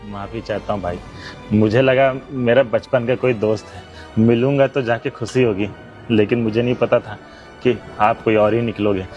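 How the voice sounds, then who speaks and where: A man's voice: fairly high pitch, fairly quick, lo-fi sound, faint music behind, lightly acted. A man playing a poor, pleading old friend. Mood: humble. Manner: pleading, heartfelt. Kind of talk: amateur skit acting.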